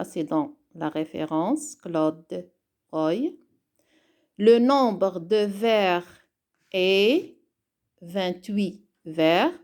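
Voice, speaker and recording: A woman teaching a reading lesson online, deliberate and spelling things out step by step. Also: mid-range voice, darkish tone. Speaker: primary school teacher.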